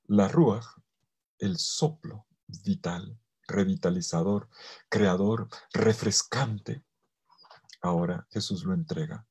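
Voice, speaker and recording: Male priest, theology lecture, dark mellow tone, husky voice, loud-to-hushed dynamics, drawn-out key words. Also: lowish voice. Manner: swings between loud emphasis and soft, almost whispered phrases; stretches key words slowly for weight. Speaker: priest teaching a theology course. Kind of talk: theology lecture to a virtual audience.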